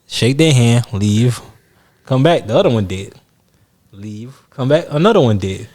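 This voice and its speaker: A man co-hosting a podcast, telling loose slang-heavy stories in casual chat that often trail off quietly. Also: medium pitch, animated, a little slow. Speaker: podcast co-host.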